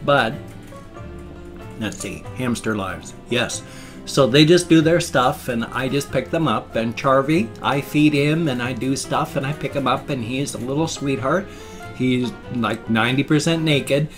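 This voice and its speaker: A man's voice: mid-range voice, a little slow, faint music behind. A man chatting casually and ramblingly to a webcam at home, slightly slurring his words around loose, ill-fitting dentures. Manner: rambling, repeats and rephrases himself. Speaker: vlogger showing pet hamsters. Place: indoors, a room at home. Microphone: webcam setup.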